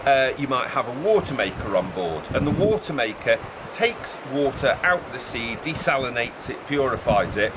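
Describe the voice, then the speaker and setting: A man's voice: mid-range voice, sing-song. A middle-aged man, talking casually to camera in a raised, projected voice as he explains a project. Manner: chatty, raised voice projected over background noise. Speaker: vlogger presenting a build project. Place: outdoors beside a fast-flowing river. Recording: outdoor recording with rushing river noise.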